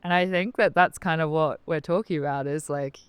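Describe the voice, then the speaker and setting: An Australian woman talks as a guest on a casual podcast, and her voice sits low and sounds smooth and clear. She is chatty and keeps affirming with quick "yeah"s. The recording is dry and close. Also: no echo. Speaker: business coach, podcast guest.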